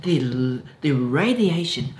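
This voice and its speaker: A woman putting on a mock Russian accent, rambling and giggling through a crude improvised history lesson. Her pitch leaps around and she takes her time. The room is echoey, with steady noise behind her. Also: slow. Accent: put-on mock Russian accent. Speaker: co-host. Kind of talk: improvised comedy monologue.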